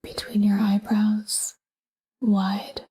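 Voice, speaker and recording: A guided sleep meditation is whispered by a woman whose voice is airy and very breathy. She keeps a calm, slow pace and a nearly flat pitch, speaking softly in brief phrases spaced well apart.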